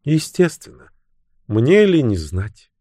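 A man narrates as a cool, mocking, sharp-tongued young woman, her voice above his own and swinging widely in a sing-song way. He speaks slowly. The sound is close and dry with no echo.

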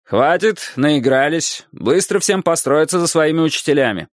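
A man's voice: a little high, animated, normal speed, dry recording, clean studio sound, voice pushed up, close to an everyday voice. A man doing a flustered blustery principal. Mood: bossy. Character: flustered middle-aged male school principal.

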